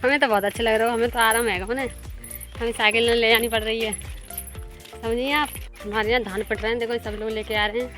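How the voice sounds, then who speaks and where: A woman's voice: fairly high pitch, fairly even intonation, brisk, pauses often, fairly bright tone, soft background music. A woman chatting casually and laughing often as she films a vlog outdoors in the fields. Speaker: vlogger.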